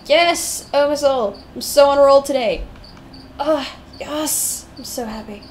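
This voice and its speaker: Sitting high and moving a little slowly, this young South African woman's voice has an accent mixing British and American-tinged English. As a digital artist live-streaming her drawing, she talks her thoughts through, humming and rambling chattily. Behind her runs steady noise and the sound of crickets.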